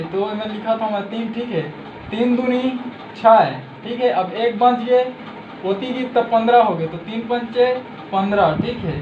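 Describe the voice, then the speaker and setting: A man with a Chhattisgarhi accent teaching a math lesson step by step, patient and explanatory, who says "okay" after each step. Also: extremely high pitch. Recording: roomy, dull lo-fi, faint hiss.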